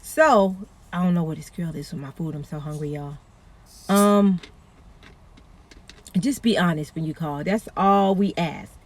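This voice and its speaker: A woman's voice: fairly low pitch, a little slow, long pauses. A middle-aged woman, a 911 dispatcher talking casually and earnestly to her viewers. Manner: chatty, earnest, warns listeners with pleading repetition. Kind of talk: casual talk to camera.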